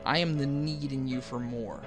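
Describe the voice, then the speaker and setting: A man voicing a sinister, seductive male apparition who smokes and taunts in a slow, purring, mocking way, over faint music. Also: medium pitch, fairly even intonation, lightly acted. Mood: menacing. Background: faint background music.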